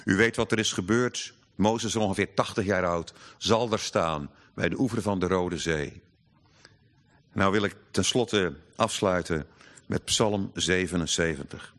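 A man preaching a sermon, earnest and emphatic, slowing down to read scripture aloud. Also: low-pitched, fairly bright tone.

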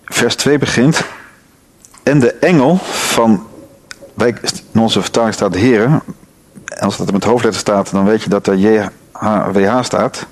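Low-voiced man teaching from scripture. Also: unhurried, pauses often. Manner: reads scripture aloud and asks the listeners questions. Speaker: Bible teacher. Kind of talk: Bible study talk.

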